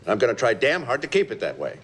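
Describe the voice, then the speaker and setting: An actor playing a principled president in a crisis, speaking with measured authority. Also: male voice, mid-range voice, wildly swooping pitch, a bit bright, husky, exaggerated voice. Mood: firm, resolute. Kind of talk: TV disaster film acting.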